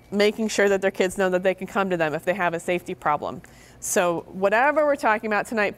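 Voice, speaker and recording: A middle-aged woman giving a public lecture to parents on child safety, earnest and stressing key words by repeating them. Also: medium pitch. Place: meeting room with audience.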